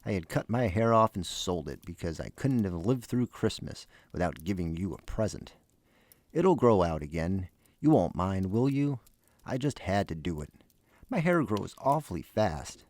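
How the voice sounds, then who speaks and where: An anxious young wife pleads tenderly with her husband in a fireside storytelling style, acted out by a low-voiced man. The delivery is earnest and coaxing, in a dry, close sound. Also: big pitch swings, normal speed, a little mellow, no echo. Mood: pleading.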